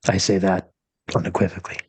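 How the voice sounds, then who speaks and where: A grave old-world dragon voice, acted by a man at a game table, husky and dry. It counsels with caution, in formal, measured and solemn phrases. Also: low-pitched, monotone, darkish tone, dry recording. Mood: grave, resigned.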